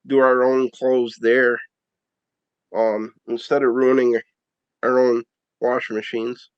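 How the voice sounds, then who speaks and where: A man who works on the town roads, reporting to a board meeting over a video call, halting and full of ums and uhs. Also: mid-range voice, smooth, no echo. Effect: heard over a video call. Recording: dull lo-fi video call audio.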